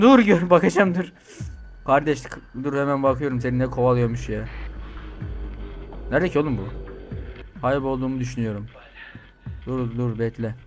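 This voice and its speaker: A man giving crude, excitable commentary while playing a game, reading out the other characters' lines and yelling when startled. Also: a little high, slight background noise. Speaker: gaming streamer. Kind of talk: swearing playthrough commentary.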